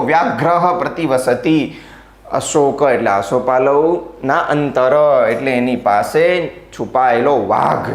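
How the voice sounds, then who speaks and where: A man teaching a revision class, lively and playful, teasing his students by name. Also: mid-range voice, reverberant.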